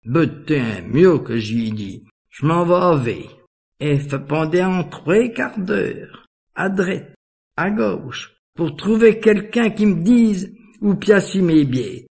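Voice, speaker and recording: Slow Norman peasant storyteller. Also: a little high, animated, creaky, darkish tone, breathy edge. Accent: Norman patois. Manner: rustic, wry peasant voice. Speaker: folk storyteller. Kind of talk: comic folk monologue.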